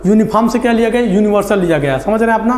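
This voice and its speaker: A man teaching a lesson, asking questions and answering them himself, repeating key words slowly. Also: high-pitched, darkish tone, a little hiss or hum. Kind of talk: classroom lecture. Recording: echoey hall.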